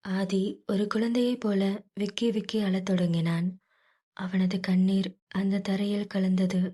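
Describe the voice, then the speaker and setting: A woman narrating a dramatic story in a low, hushed voice. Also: fairly even intonation, unhurried, husky.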